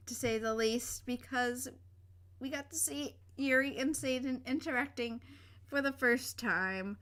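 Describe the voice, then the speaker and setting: A woman's voice: high voice, a little slow, a bit bright. A young woman with a sore throat, hosting a casual podcast chat in a rambling way full of fillers. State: sore throat, feeling sick. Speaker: podcast host.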